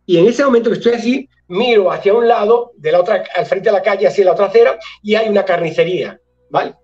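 A man from Galicia, Spain, a guest telling an anecdote in an animated way and acting out the dialogue. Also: high-pitched, quick pace, distant mic, lo-fi sound. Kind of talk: storytelling anecdote.

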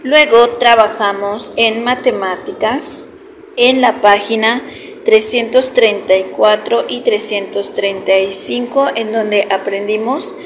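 A woman with a Mexican Spanish accent, a primary school teacher, summarizing the day's class slowly and directly for her pupils. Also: on the high side, fairly even intonation. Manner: slow, explanatory, addresses pupils directly. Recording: roomy echo with clear background noise.

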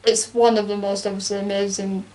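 A woman's voice: medium pitch, brisk. A young woman chatting casually about a film she watched, acting out lines and laughing as she goes. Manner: chatty and animated, acts out quotes with laughs. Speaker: co-host. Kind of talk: casual chat reviewing a film.

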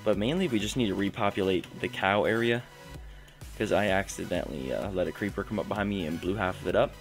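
A man's voice: sits low, fast talker. A young man casually narrating his own gameplay at home, chatty and prone to interrupting himself. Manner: chatty, self-interrupting play-by-play. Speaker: gaming channel host. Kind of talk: casual game commentary. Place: home room. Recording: faint background music.

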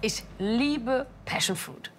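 A young woman in casual chat, telling animated stories and acting out her mother's voice. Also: on the high side, takes it slowly. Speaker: guest.

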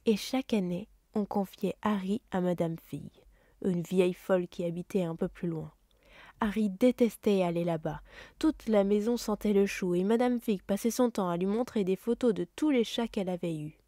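A woman reading a children's novel aloud with steady, expressive storytelling. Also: mid-range voice, normal speed, no echo, clean studio sound. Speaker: audiobook reader.

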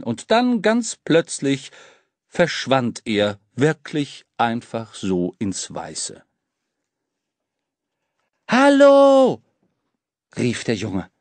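A man narrating a children's audiobook in a lively, dramatic storytelling manner. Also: mid-range voice, no echo. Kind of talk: scripted narration.

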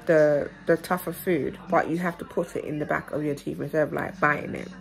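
A woman's voice: low-pitched, steady tone, brisk, creaky, faint music behind, rough recording. A young woman, chatting casually in a vlog while holding a finger at her mouth, thinking aloud as she goes. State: finger at mouth, talking around it. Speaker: vlogger.

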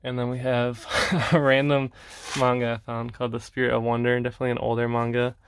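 A young man in a relaxed home video, talking through his collection with lots of fillers and quiet laughs. His delivery stays level and monotone, and the room sound is dry and close. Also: mid-range voice, fast, smooth, no echo. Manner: relaxed, rambling, frequent fillers and soft laughs. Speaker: manga collection vlogger. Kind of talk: casual collection showcase.

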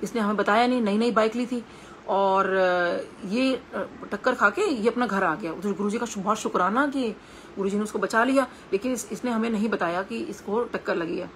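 Recounting personal stories in a devotional satsang, a middle-aged woman speaks earnestly in an Indian Hindi accent, pausing and hesitating as in conversation. Her medium-pitched voice moves at a normal speed over a faint hiss or hum.

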